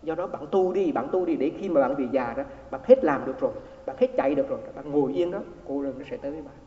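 A Buddhist monk gives a dharma talk built around a story, repeating words and acting out the quoted exchanges. His voice is on the high side, quick and warm, recorded in an echoey hall with dull lo-fi sound.

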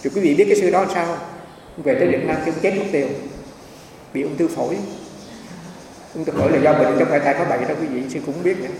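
A man's voice: fairly high pitch, fast, long pauses, darkish tone. A man, a Buddhist monk, giving a rambling dharma talk full of anecdotes and repeated small words. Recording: echoey hall, mic far off, faint hiss.

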